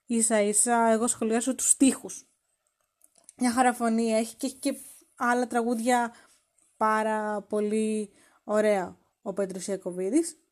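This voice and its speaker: High-voiced playful woman podcaster. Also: fairly even intonation, pauses often, a little mellow. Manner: playful and teasing, acts out quoted lines. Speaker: podcast host. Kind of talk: casual podcast commentary.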